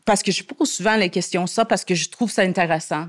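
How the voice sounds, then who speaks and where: A woman's voice: fairly low pitch, fairly quick. Woman guest, French speaker, earnest and argumentative, restarts often mid-sentence. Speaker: guest columnist. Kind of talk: podcast interview conversation.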